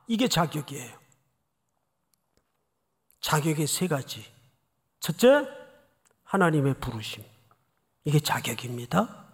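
High, gravelly-voiced preacher in a reverberant hall. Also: male voice, big pitch swings, takes it slowly, long pauses. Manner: dramatic, swings between loud cries and hushed asides. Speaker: pastor. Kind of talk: expository sermon.

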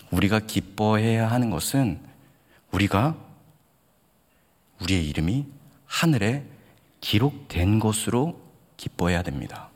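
A man preaching a sermon in a church hall, telling stories with animated delivery and asking the congregation direct questions. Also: fairly low pitch. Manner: animated storytelling, acts out quoted voices. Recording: long hall reverb.

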